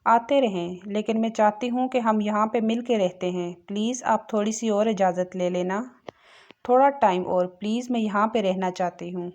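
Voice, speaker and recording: A shy young wife from a romantic audio novel, as a woman reads her, soft-spoken and gently pleading. The voice sits at a middle pitch, with no marked change from the narrator's own. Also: fairly even intonation, lightly acted.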